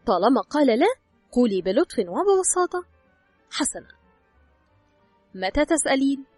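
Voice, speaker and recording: Brisk, breathy woman reading advice. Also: high voice, sing-song, a little mellow, dry recording, faint music behind. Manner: instructive, addresses the listener directly. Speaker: audiobook narrator. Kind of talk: scripted narration of an advice book.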